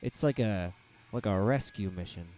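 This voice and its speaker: A young man offers relaxed color commentary between hockey plays. He jokes freely and speaks his sly asides more quietly. His talk is easygoing and a little goofy. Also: normal speed, soft background music. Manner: playful, drops his voice low for asides.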